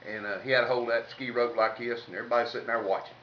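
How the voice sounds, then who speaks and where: A man with a Southern US accent rattles off humorous stories at a rapid-fire clip, his mid-range voice keeping a fairly even intonation. He's a comedic storyteller, folksy, salty, and colloquial in this informal telling. The recording sounds roomy and dull, with a distant mic and faint noise.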